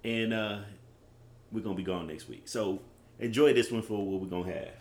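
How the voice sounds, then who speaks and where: A man with a deep radio voice co-hosting a podcast, telling stories in a laid-back, animated way. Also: normal speed, reverberant. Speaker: podcast co-host. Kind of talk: casual chat.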